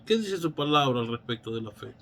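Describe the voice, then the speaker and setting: A man's voice: mid-range voice, expressive, brisk, a bit bright, a little hiss or hum. A man teaching a Bible study in a preacherly way, asking rhetorical questions and often restarting his phrases.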